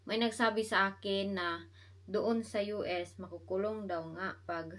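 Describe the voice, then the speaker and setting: A mother talks at an unhurried pace in a casual home vlog. She slips into sing-song baby talk for her infant, then drops to a soft, low-key voice when she explains things. Her voice sits at a middle pitch for a woman. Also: steady tone. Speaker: mother vlogging family life.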